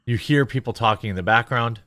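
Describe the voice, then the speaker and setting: Acting as a show host, a man offers casual commentary on news footage, sounding conversational and slightly hesitant as he thinks out loud. His medium-pitched voice is brisk and sharp in tone, with no echo.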